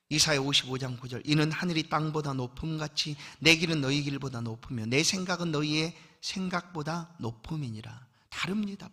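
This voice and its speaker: A man preaching a sermon as pastor, swinging from loud exhortation down to a hushed, almost whispered delivery. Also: sits high.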